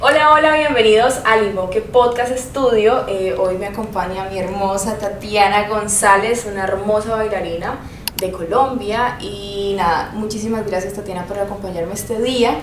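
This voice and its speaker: A woman's voice: normal speed, music in the background. Echoey, distant podcast host woman. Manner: warm, affectionate remarks. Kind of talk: casual interview. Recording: echoey room, slightly distant mic, faint rumble.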